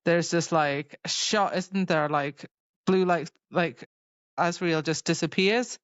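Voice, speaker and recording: This podcast co-host tells a book's story in a casual, chatty way, sprinkling in "like" and performing the quotes. She speaks slowly in a lowish voice, with no echo and the highs cut off.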